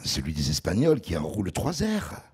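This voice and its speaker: A man putting on a deep, velvety voice with a Toulouse accent, slow and mock-solemn. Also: huge pitch swings, breathy edge, exaggerated voice. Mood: warm mock-solemn.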